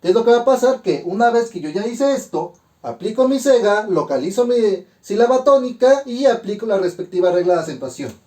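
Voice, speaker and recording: A man teaching a grammar lesson, methodically walking through examples and sounding out syllables slowly. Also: high-pitched, lively intonation, warm tone.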